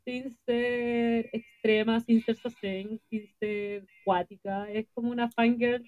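A woman's voice: fairly high pitch, flat delivery, slow, smooth, narrow, tinny audio. A young Chilean woman in casual podcast chat, chiming in with short agreeing, slangy replies. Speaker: podcast co-host.

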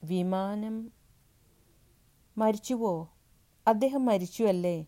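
A fearful, pleading wife in her late forties, as a woman reading a story puts her on, her voice pitched up and pushed louder than the narration. She speaks in an anxious, urgent way that tips into shouts. The tone stays low and mellow underneath. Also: normal speed, natural voice. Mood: alarmed. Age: 40s. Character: anxious 48-year-old wife, fearful, then furious.

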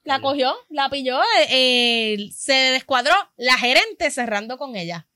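A woman with a Puerto Rican accent, co-hosting a casual chat and telling stories in an animated way, acting out the people in them. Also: high-pitched, unhurried, a little hiss or hum. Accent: Puerto Rican Spanish. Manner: animated storyteller acting out quoted customers. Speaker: podcast co-host.

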